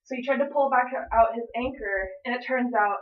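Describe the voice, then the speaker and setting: A woman's voice: a little high, fairly quick. A woman telling a casual, rambling story to an audience, with many fillers and restarts. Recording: echoey, distant, dull lo-fi sound.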